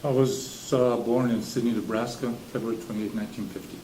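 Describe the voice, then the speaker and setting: A man's voice: medium pitch, brisk, warm tone. A man in his sixties from southern Colorado, answering interview questions plainly with a few fillers. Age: 60s. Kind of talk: casual recollection. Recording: echoey room with background noise.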